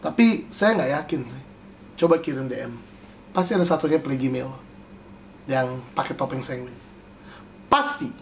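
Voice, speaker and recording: A young man hosting a casual chat, answering viewer questions with animated swings in pitch. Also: normal speed, pauses often, a little hiss or hum. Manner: animated, jumps pitch to read questions aloud.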